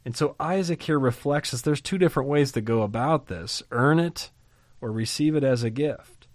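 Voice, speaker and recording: A man teaching through a Bible chapter in a lively, conversational way, asking rhetorical questions and chuckling now and then. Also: mid-range voice, normal speed, no echo.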